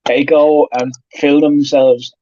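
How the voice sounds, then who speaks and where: A man's voice: fairly high pitch, little pitch movement, takes it slowly, warm tone, muffled recording. A man in casual stream chat who swears constantly, jokes and laughs a lot. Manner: profane, joking, laughs often.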